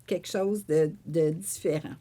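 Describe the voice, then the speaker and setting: A woman with a Québécois French accent, a painter and author telling a story in an interview. She acts out her own quoted remarks and fills pauses with "euh" and "tu sais.". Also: deep voice. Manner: animated storyteller who voices her own quoted remarks, with frequent fillers. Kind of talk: conversational storytelling.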